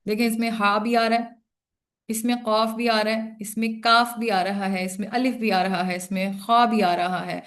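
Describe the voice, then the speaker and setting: Patient woman teacher, slightly high voice. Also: level tone, normal speed. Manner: explains patiently, lists letters one by one; mixes English words into her explanation. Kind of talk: recorded online grammar lesson.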